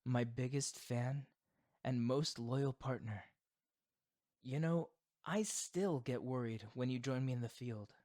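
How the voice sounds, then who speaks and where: A man voicing a proud, theatrical supervillain boyfriend who is secretly doting, in an expressive ASMR roleplay. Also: medium pitch, takes it slowly, close to an everyday voice. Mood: tender, affectionate.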